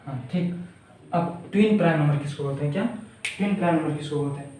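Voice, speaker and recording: A man's voice: a little high, quick pace, dark tone, a little hiss or hum. A man teaching a math lesson to schoolchildren, repeating each point and answering his own questions, with English terms mixed into Hindi. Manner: repetitive, asks questions and answers them himself. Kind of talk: classroom lesson explaining math. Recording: echoey room, voice far from the mic.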